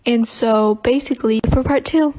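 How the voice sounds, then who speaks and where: A young woman narrates a school story in a calm, even manner. Her voice sits a little high. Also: normal speed, a little hiss or hum, rough recording. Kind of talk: casual storytime.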